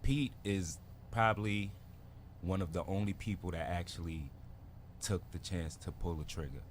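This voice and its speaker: Deep low-voiced guy from barbados, chill storyteller, bit of background hum. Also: moderate pace. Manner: laid-back storytelling with slang. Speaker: guest rapper. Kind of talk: casual interview.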